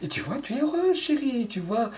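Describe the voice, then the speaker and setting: A man's voice: very high voice, big pitch swings, slight background noise. Theatrical camp man with a soaring voice. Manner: theatrical and camp, full of drawn-out exclamations. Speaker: comic performer. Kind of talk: comic rant monologue in character.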